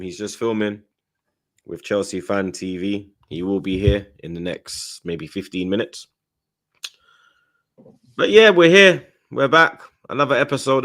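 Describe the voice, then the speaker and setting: A man's voice: on the low side, fairly bright tone. A man with a London accent hosting a football fan livestream in short, slangy, sweary phrases. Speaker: host of football fan show.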